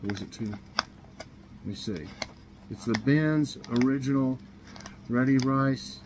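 In a rough recording with a little hiss or hum, a fifty-something vlogger talks slowly in a mid-range voice. Standing in his small kitchen, he shows his grocery purchases to the camera, rambling casually and often restarting with plenty of ums.

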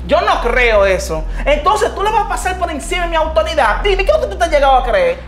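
Woman doing a demanding lazy husband, high lively voice, echoey room. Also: quick pace, faint music behind. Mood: scolding. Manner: indignant, scolding, pleading when cornered.

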